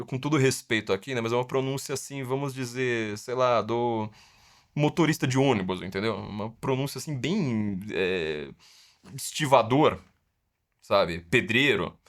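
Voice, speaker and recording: A man's voice: medium pitch, normal speed. A middle-aged Brazilian man with a Brazilian Portuguese accent, hosting a casual podcast with a sarcastic, mocking way of stretching words for emphasis. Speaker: podcast host.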